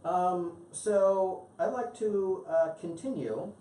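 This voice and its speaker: A woman's voice: lowish voice, slow pace, mellow, recorded from a distance. An American woman teaching an interactive English lesson, encouraging and full of ums and mm-hmms. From United States. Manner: encouraging, lots of um and mm-hmm. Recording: echoey room, voice off-mic with faint hum.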